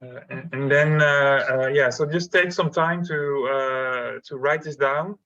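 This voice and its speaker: A man teaching an online missions class, pausing often and speaking in halting starts through an interpreter. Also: medium pitch, pushed and bright, no room sound. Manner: halting, stops and starts with many fillers. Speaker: missions trainer. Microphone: video call. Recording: dull lo-fi call audio.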